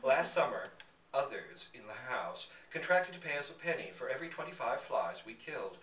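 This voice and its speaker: A man with a mid-range voice gives an animated, expressive reading of a scripted story at a live literary event in a bookstore, speaking at normal speed. The room is echoey, the mic distant, and there's faint background noise.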